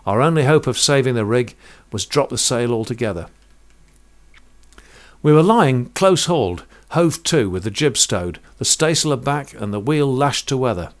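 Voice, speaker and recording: A man narrating a first-person sea story in a vivid, measured way, rich with sailing terms. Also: mid-range voice, animated.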